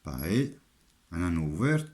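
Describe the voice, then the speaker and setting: A man from Italy with a clear Italian accent in his French, talking in a fairly low voice. He takes his time, explaining each step of a craft in simple, halting phrases and repeating them as he demonstrates. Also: sing-song, a little mellow. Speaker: armourer giving a craft tutorial.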